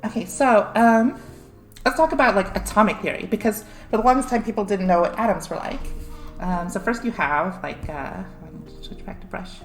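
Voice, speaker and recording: A young woman streamer explains science in a casual way, giggling often and peppering her speech with "like" and "um." Her pitch is medium and her speed normal. The room is echoey, with faint music in the background.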